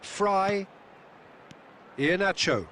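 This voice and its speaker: An actor playing a football play-by-play commentator in a video game, measured but quick to get excited. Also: male voice, high voice, a little hiss or hum, exaggerated voice. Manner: measured, rising to excited calls.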